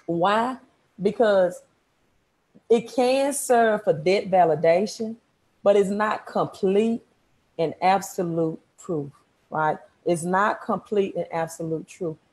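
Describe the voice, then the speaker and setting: A woman's voice: mid-range voice, slow, a little mellow, low-quality recording. A woman in her thirties with a Southern Mississippi accent, coaching informally on a live stream, repeating words for emphasis and often checking in with "right?". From Mississippi, United States. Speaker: credit repair coach. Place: small room at home, indoors.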